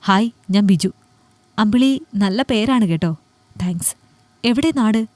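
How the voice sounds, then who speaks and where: A contemptuous middle-aged husband who snaps out belittling words, as a woman storyteller puts him on. The sound is dry and close, with no room around the voice. Her pitch sits mid-range even for the man's lines. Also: unhurried, no echo, close to an everyday voice. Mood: smooth, flirting. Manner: scornful, belittling, snapping. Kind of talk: Malayalam audiobook storytelling.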